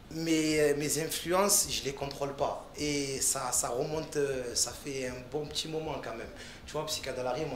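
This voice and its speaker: Halting man rapper, echoey room. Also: mid-range voice, a little hiss or hum. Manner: loose, halting speech with frequent restarts and fillers. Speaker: rapper interviewed about his music. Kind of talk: casual interview talk.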